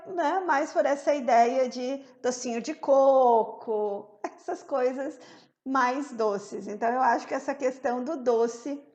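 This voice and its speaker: A Brazilian woman teaching an English lesson in a chatty, explanatory way, often checking in with her listeners and slowing down to model English pronunciation. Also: high voice. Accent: Brazilian Portuguese.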